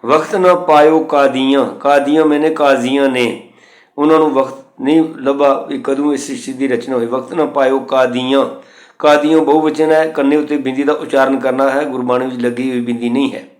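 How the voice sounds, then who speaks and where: A man with a Punjabi accent giving a step-by-step lesson on pronouncing scripture, reciting each line slowly and then explaining it methodically. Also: medium pitch, flat delivery, a little mellow, roomy sound. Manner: patient, methodical, repeats words and rules. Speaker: Gurbani pronunciation teacher.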